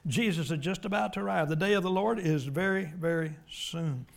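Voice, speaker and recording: A man preaching a sermon, emphatic and folksy, swinging from loud declarations to hushed asides. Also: on the high side, fairly quick, creaky.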